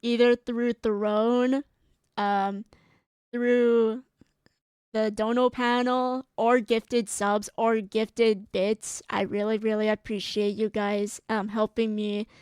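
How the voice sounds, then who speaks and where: A woman's voice: a little high, flat delivery, slow, a little mellow, clear, resonant tone, no room sound, clean studio sound. A woman streamer chatting casually as she signs off, giggly and rambling, with a strained, tired voice. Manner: giggly and rambling, with frequent laughs and fillers. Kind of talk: casual stream sign-off chat.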